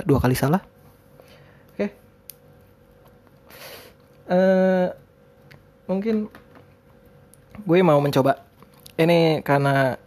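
Lisping man, higher-pitched casual podcaster. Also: a little mellow. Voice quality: lisped r sounds (cadel). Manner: rambling, hesitant, informal. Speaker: podcast host. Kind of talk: casual solo podcast talk.

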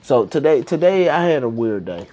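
A man's voice: mid-range voice, sing-song, moderate pace, noisy background. A man hosting a casual podcast from home, rambling along in slang and swearing freely. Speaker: podcast host. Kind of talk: casual chat.

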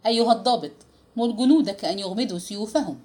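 A proud young princess gives cool, imperious orders in a storybook reading, as a woman narrator puts her on. Her pitch rises and falls in a lively way. She sounds crisp and sure of her rank. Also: fairly quick. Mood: commanding.

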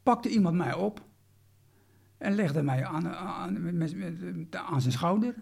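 A man's voice: sits high, lively intonation, unhurried, vocal fry, a little mellow, slightly rough. A man, recounting a personal story in an interview, hesitant with many restarts.

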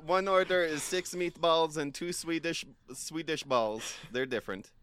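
A man's voice: fairly high pitch, unhurried, fairly bright tone, clean tone, dry recording. A man playing a goofy, playful waiter in an improv comedy scene, full of silly wordplay. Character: goofy male restaurant waiter.

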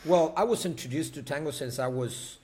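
A man's voice: on the high side, fairly quick, darkish tone. A man, a guest on an interview, talking casually, laughing and repeating words for emphasis. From Argentina. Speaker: guest, actor and tango dancer.

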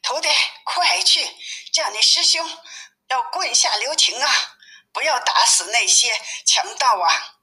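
A woman voicing a gentle, pious male monk who speaks politely and pleads softly in a storybook reading. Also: a little high, very animated, measured pace, pitched above the performer's own voice, full character voice. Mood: pleading.

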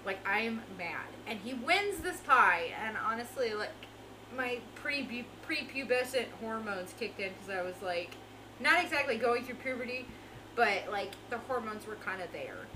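A woman's voice: a little high, animated, moderate pace. A young woman co-hosting a casual podcast, telling a rambling story full of swearing and asides. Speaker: podcast co-host. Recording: noisy background.

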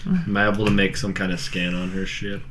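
A man's voice: sits low, level tone, a little fast, fairly bright tone, a little hiss or hum. A man playing a tabletop game, talking casually and asking the game master questions.

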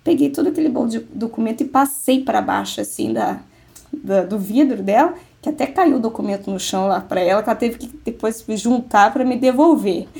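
A woman's voice: a little high, fairly quick, gravelly, warm tone. A woman with a Brazilian Portuguese accent, a guest who tells a personal story in casual conversation and acts out the dialogue in it.

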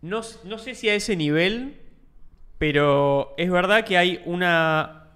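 A man's voice: high-pitched, takes it slowly, a bit bright, smooth. An Argentine man co-hosting a podcast, explaining things in casual slangy chat. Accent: Argentine Spanish. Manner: explanatory, loose slangy talk. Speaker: podcast co-host.

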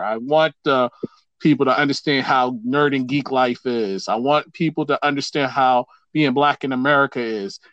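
A man's voice: mid-range voice, fairly bright tone, smooth, dry recording, dull audio. A man hosting a casual podcast, talking loosely with lots of fillers and restarts. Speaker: host.

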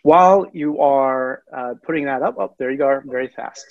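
Male moderator, mid-pitched voice, unscripted halting introductions, dull lo-fi call audio. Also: no room sound. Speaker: host and moderator. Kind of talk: unscripted online event introduction. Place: online video call, close dry sound.

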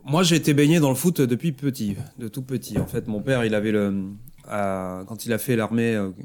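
A young man chatting with friends about football, at an ordinary mid-range pitch. He tells his story loosely and keeps breaking off for jokes and teasing asides. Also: brisk, darkish tone. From Portuguese family background, raised in France. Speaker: podcast co-host. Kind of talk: casual chat.

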